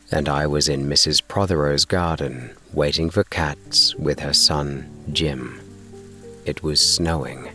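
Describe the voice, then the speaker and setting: A man narrating a bedtime sleep story in a soothing, unhurried, gently measured way. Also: very deep voice. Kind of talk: slow bedtime relaxation narration and story reading.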